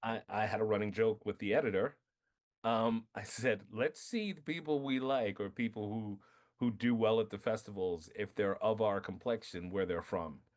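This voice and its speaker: A man being interviewed about his film, telling animated stories, acting out quotes and laughing often. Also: fairly low pitch, normal speed. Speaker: filmmaker guest. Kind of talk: casual interview storytelling.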